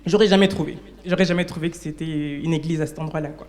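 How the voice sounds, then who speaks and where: Halting woman giving a church testimony. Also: sits low, steady tone, a little mellow. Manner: halting, with frequent restarts and self-corrections. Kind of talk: personal testimony to a congregation. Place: church service hall.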